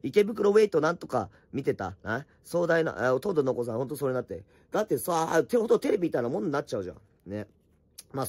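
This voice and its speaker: Hoarse man, fast and animated, dry close sound, blunt teasing chat, late-night stream. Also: mid-range voice, dry recording. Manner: rough, blunt and teasing with viewers, mumbling asides. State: slightly hoarse voice. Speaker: streamer reading and answering viewer comments. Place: at home, wrapped in an electric blanket.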